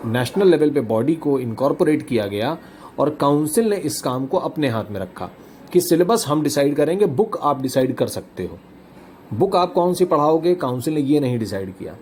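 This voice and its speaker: A man's voice: medium pitch, warm tone, a little hiss or hum. Hindi-speaking man teaching a class. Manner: explains in Hindi mixed with English, reads definitions out slowly. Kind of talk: classroom lecture.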